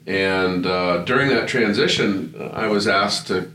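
A man with a very deep voice, a golf instructor, laying out details in relaxed chat. The sound is roomy with faint noise behind it. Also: measured pace. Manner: explanatory, fills in details. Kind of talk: casual conversation.

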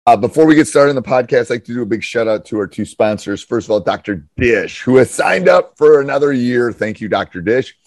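A man's voice: medium pitch, animated, brisk, few pauses, a little mellow, no room sound, soft background music. A man hosting a basketball podcast, rambling casually with lots of fillers and restarts. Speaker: podcast host, basketball coach.

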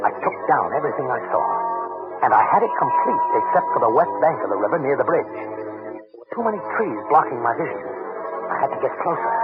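An actor playing a plain-spoken American wartime secret agent in an old-time radio drama, with hard-boiled delivery. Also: male voice, mid-range voice, close to an everyday voice. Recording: narrow tinny vintage radio, loud music.

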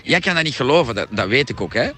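A middle-aged Flemish man, a coach and shop owner, answers a viewer during a live-stream sales pitch, pushing insistently and repeating fillers again and again. His mid-range voice is expressive, fast, strained and bright, with a little hiss or hum in the audio.

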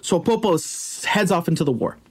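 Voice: mid-range voice, animated, moderate pace, breathy edge. A podcast host tells an old legend in an easy, chatty way. The telling is loose and informal, and it breaks off now and then for joking asides to the listener. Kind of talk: casual storytelling.

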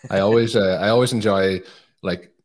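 A man's voice: fairly low pitch, steady tone, moderate pace. A man from Donegal with a west of Ireland accent, hosting a podcast in a casual, chatty style. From Donegal, northwest Ireland. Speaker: podcast host.

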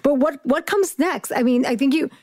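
A woman's voice: high voice, moderate pace, a little mellow. A woman hosting an interview in a casual, agreeing way, restarting her phrases as she thinks aloud. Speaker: podcast host, interviewer.

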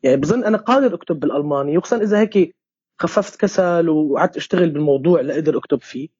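A playwright and theatre director from Homs, speaking with a Syrian Arabic accent, answering questions in a halting way with many restarts and English words mixed in. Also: male voice, a little high, darkish tone, breathy edge, dry recording. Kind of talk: conversational interview answer. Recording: dull lo-fi sound.

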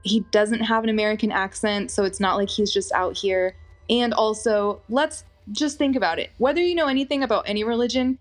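A woman's voice: mid-range voice, brisk. A woman narrating a first-person true story in a conversational way, full of fillers and asides. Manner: conversational, animated, many fillers. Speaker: podcast narrator.

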